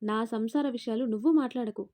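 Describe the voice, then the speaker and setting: A woman's voice: fairly high pitch, quick pace, warm tone, natural voice. A woman voicing a proud married daughter in a spoken family story, reproachful and commanding. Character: proud married daughter, quick to defend her mother.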